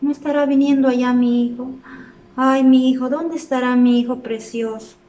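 A tender, loving old father in a children's Bible story pleads softly with his son, as a woman puts him on. The voice sits high and carries through an echoey room from some distance. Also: steady tone, normal speed, lo-fi sound, natural voice. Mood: longing. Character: grieving loving elderly father.

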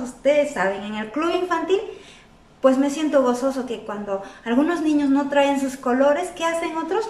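A woman tells a Bible story to children, checking in with them through frequent questions. Her voice is high and sounds distant in a roomy, echoing space. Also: darkish tone. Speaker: children's club Bible teacher. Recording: echoey room, voice from a distance.

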